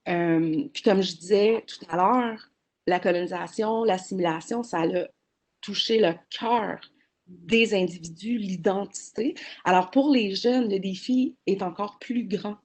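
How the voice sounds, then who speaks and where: A woman's voice: mid-range voice, measured pace, darkish tone. A woman, speaking as a panelist in a webinar over a video call, earnest and explanatory with frequent hesitations. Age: 40s.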